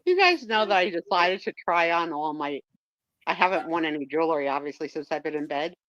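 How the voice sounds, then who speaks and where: A woman's voice: deep voice, animated, fairly quick, a bit bright, no echo, lo-fi sound. A woman chatting casually on a live stream, telling a rambling personal story.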